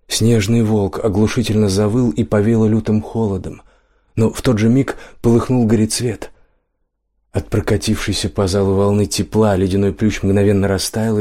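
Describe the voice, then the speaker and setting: Guy narrating a fantasy audiobook, lowish steady voice.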